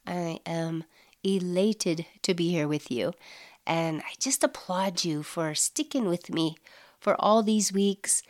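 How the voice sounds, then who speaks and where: A middle-aged woman hosting a casual solo podcast, effusive and upbeat with soft breathy asides, sounding nasal from allergies. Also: on the low side. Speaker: podcast host.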